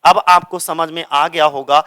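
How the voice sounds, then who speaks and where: A man's voice: a little high, fairly even intonation, a little slow, sharp tone, clear, resonant tone. A young adult man teaching English literature, explaining step by step and asking and answering his own questions. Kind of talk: classroom explanation of grammar.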